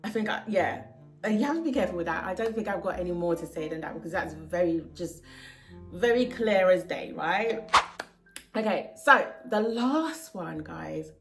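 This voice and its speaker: A woman's voice: fairly low pitch, animated, normal speed, over music. A young woman vlogging to camera, earnestly sharing heartfelt advice with casual fillers. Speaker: hair vlogger. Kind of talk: casual talking-to-camera vlog.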